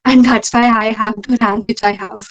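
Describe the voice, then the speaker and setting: Her fairly high, steady voice comes through a muffled recording at normal speed: a young adult woman with an Indian accent, interviewed about ranking in a medical postgraduate exam. Her replies are earnest and conversational, with phrases repeated for emphasis.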